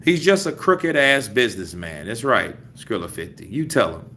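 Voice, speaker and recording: This American boxing commentator, reading his live chat after leaving the gym, speaks in a lowish voice with big swings in pitch. His moderate-paced delivery is bright and forceful, loose and repetitive for emphasis, with a little hiss or hum in the recording.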